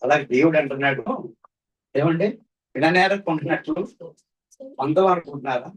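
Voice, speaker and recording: A man preaching an evening sermon, calling out hallelujah, throwing rhetorical questions to his listeners, and swinging between ringing exclamations and quiet low passages. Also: normal speed, husky. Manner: fervent, repeated hallelujah calls, rhetorical questions to the audience. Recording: voice distant from the mic.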